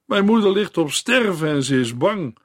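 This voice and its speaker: A man's voice: sits high, big pitch swings, normal speed, dry recording, clean studio sound, voice pushed up. A man voicing a poorly dressed young girl who begs urgently for help, reading a storybook tale aloud. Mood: pleading. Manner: begging, urgent. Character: poor young girl, pleading and desperate.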